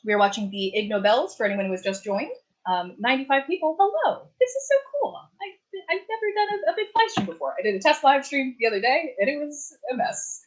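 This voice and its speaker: A woman's voice: sits high, expressive, fairly quick, low-quality recording. A young adult woman hosting a casual live stream from her apartment, chatting in a rambling way with many fillers and restarts. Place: warm apartment.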